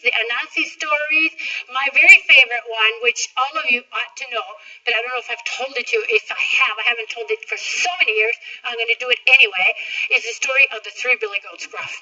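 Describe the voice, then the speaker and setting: A woman teacher telling a folktale to her class, lively and animated, adding sound effects as she goes. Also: high-pitched, distant mic. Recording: dull lo-fi recording.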